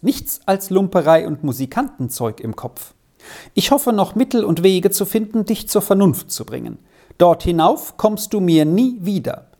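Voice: mid-range voice, warm tone. Strict storybook father, curt and reproachful, read by the narrator. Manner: stern, curt, scolding. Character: stern strict father, middle-aged.

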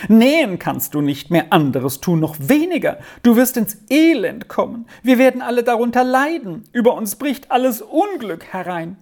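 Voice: lively intonation, unhurried. Reader putting on a wailing, frantic old-fashioned aunt. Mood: lamenting. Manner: high, loud, wailing. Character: fretful wailing aunt, woman, middle-aged.

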